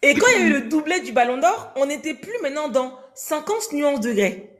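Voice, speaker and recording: A young woman tells her story in a relaxed interview, full of street slang and quick asides. Her pitch sits a little high and swings widely as she goes, and she slips into voices when she quotes people. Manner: animated, slangy, acts out dialogue in quoted voices.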